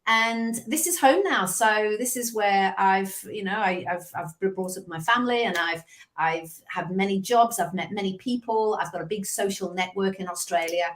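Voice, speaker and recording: In her fifties and speaking with a Liverpool accent, this Englishwoman is a sales coach appearing as a guest on a video call interview. Her voice sits at a medium pitch and moves at a moderate pace as she chats through stories, dropping in lively asides along the way.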